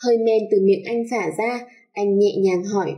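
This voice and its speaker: A woman storyteller narrating a love story dramatically, slowing down for tender moments. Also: medium pitch, steady tone, dark tone.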